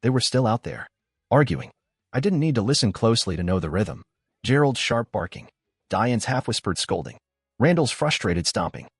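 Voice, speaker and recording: A young adult man narrating a first-person story in measured, clipped sentences. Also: fairly low pitch, very animated, husky, no echo, clean studio sound.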